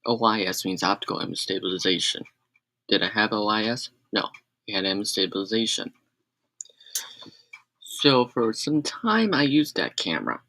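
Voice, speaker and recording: A man's voice: on the low side, big pitch swings, normal speed, long pauses, pushed and bright. A man rambling on a casual live stream, correcting himself and adding sarcastic asides.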